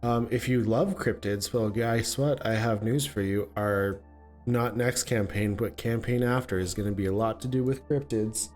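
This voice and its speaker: A man's voice: lowish voice, steady tone, normal speed, a little mellow, soft background music. A man in his late twenties hosting and running a tabletop game, chatting casually with many fillers. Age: late 20s. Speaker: game master and host. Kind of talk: casual chat.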